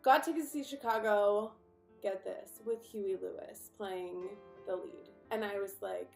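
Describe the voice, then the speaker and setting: A young woman vlogger telling a personal story to the camera in a chatty, animated way. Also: medium pitch, unhurried, gravelly, echoey room, soft background music. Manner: chatty and animated, with frequent fillers and asides.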